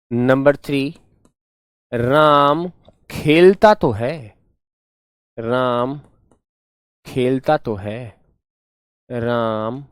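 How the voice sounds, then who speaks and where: A man's voice: a little high, fairly bright tone, no room sound, clean studio sound. A man teaching English grammar in an online class, patiently repeating points and calling students "son".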